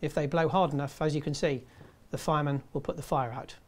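A man in his fifties presenting a scripted tutorial in a measured, step-by-step way. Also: on the high side, steady tone, noisy background. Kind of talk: scripted instructional narration.

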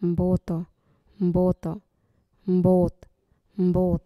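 A woman from Sumba, Indonesia, heard in a field recording played back through analysis software, repeating single words slowly and carefully for a word list. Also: fairly low pitch, monotone, no room sound, muffled recording.

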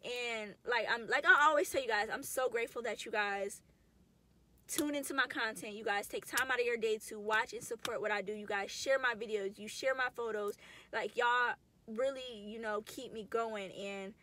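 Woman in her twenties, casual vlog chat, slangy, emotional, bright tone, faint background hiss. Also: fairly high pitch, normal speed. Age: 20s. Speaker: vlogger. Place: in a car.

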